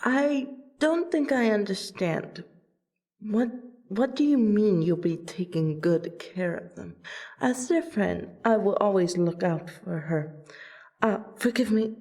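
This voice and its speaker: In a fantasy audio roleplay, a woman plays a courteous royal vampire who is also a loyal friend, speaking in a polite, theatrical and deliberate way. Her medium-pitched voice has a darkish tone, and the mood comes across as polite but guarded.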